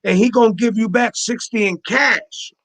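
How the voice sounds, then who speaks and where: A man's voice: sits high, moderate pace, fairly bright tone. A man in his forties hosting a casual panel chat on a video call, emphatic and full of street slang, repeating his points. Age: 40s.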